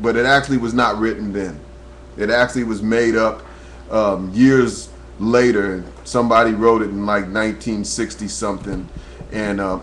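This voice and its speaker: Speaking in a voice on the low side, a New Jersey talk radio host tells his own story in an earnest webcam monologue, rising like a preacher as it goes. A little hiss or hum sits in the webcam mic recording.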